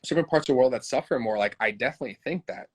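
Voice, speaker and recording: A man hosting an interview, talking in an animated way with many fillers. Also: mid-range voice, racing, husky. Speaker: host. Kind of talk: conversational interview.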